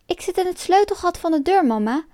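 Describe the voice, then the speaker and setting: A woman voicing a tiny, clever boy born from a chickpea in a told folk tale, with a high piping child's voice. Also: expressive, brisk, dark tone, no room sound, studio quality. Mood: cheeky.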